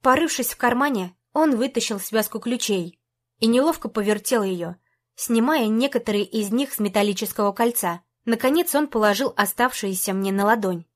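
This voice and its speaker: Female audiobook narrator, first-person, steady and tense, somewhat high voice. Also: moderate pace.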